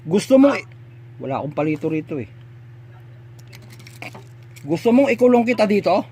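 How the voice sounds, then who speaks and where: Stern high-voiced Filipino man. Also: very animated, normal speed, mellow, slightly rough. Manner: stern, interrogating. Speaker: faith healer. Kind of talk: exorcism session talk.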